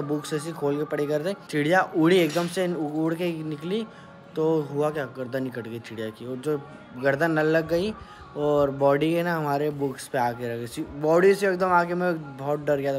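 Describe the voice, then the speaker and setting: A man chatting casually to camera in a family vlog, telling stories and narrating his day. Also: fairly high pitch. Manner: chatty, talks to camera and coos at a baby. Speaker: vlogger.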